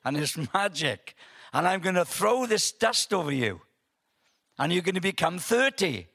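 A man's voice: high-pitched, big pitch swings, unhurried, gravelly, sharp tone, pitched above the performer's own voice, full character voice. An earnest, matter-of-fact little girl who is sure of her own magic, as her grandfather puts her on. The voice is lifted a little above his own and carries a firm, bossy certainty.

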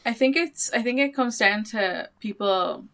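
A woman co-hosts a podcast in a bright, clear voice. She talks in quick, chatty bursts and teases the people around her. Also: fairly high pitch. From Ireland. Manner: chatty, teasing, quick to laugh. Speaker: podcast co-host. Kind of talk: casual chat. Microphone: headphones, studio mic.

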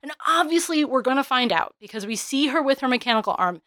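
A woman's voice: high voice, lively intonation, fast talker, fairly bright tone, no echo. A woman co-hosting a podcast, chatting about a film trailer in an enthusiastic, talkative way. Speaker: podcast co-host. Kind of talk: casual podcast chat.

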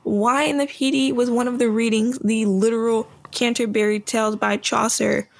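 A woman's voice: a little high, level tone, normal speed, creaky. A young adult woman co-hosting a podcast, talking in a laid-back, dry, sarcastic way. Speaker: podcast co-host. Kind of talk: casual chat.

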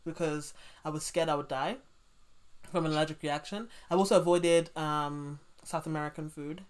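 Low-pitched woman host, chatty. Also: normal speed. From London. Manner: animated storytelling, many fillers, quotes people. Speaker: podcast host. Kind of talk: casual interview chat.

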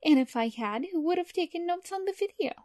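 A woman's voice: extremely high pitch, expressive, fairly quick, warm tone. A woman playing a cheerful, chatty small-town lady in a radio comedy drama, with chirpy, folksy politeness. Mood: polite, cheerful.

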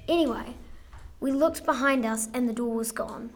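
A woman's voice: a little high, normal speed, natural voice. A woman playing a young witness who snaps back while retelling a spooky event. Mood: defensive.

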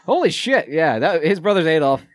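A man co-hosting a casual podcast, animated and swearing often, laughing as he talks. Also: a little high, normal speed, no room sound, studio quality. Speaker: podcast co-host.

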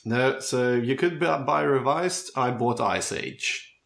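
On a podcast, a native Swedish speaker from Sweden, a man in his thirties, casually recounts his background, musing as he goes. He has a medium-pitched voice with vocal fry and a slightly bright quality, and his delivery is slow.

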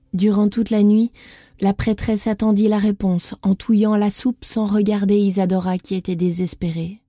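A woman reading a fairy tale aloud as a storyteller, in gentle, deliberate narration. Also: medium pitch, no room sound.

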